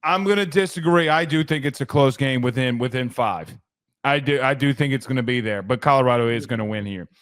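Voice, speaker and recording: A man's voice: mid-range voice, fairly bright tone, clear, resonant tone. A man co-hosting a casual sports podcast, talking picks with frequent stammered restarts and turning to his partner by name. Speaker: podcast co-host.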